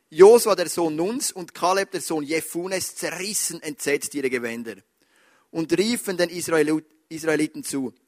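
A man preaching a sermon as pastor, emphatic, swinging between loud urging and quiet asides. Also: sits high.

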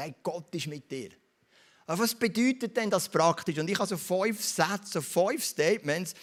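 A man with a Swiss German accent preaching a sermon, retelling a story and turning often to speak straight to his listeners with quick tag questions. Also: fairly high pitch.

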